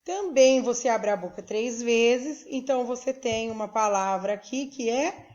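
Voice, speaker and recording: A woman's voice: fairly high pitch, darkish tone. Woman teacher from brazil, spells words out syllable by syllable, dull lo-fi sound. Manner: slow, spells out syllables one by one; asks pupils questions, checks they follow. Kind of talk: recorded school lesson.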